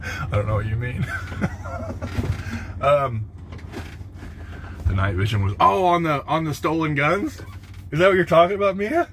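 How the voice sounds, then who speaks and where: A man's voice: fairly high pitch, lively intonation, unhurried, long pauses, fairly bright tone, slight background noise. An American man, a truck driver, chatting casually on a phone livestream from his truck cab, blunt, profane and rambling with lots of restarts. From United States.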